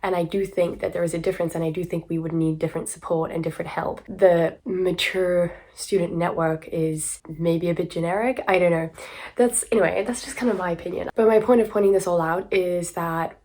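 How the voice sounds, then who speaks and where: A woman in her twenties from South Africa, talking casually and candidly to camera, hoarse from a sore throat, with a smoker-like rasp. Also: on the low side, steady tone, a little fast, darkish tone. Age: 20s. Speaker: student vlogger.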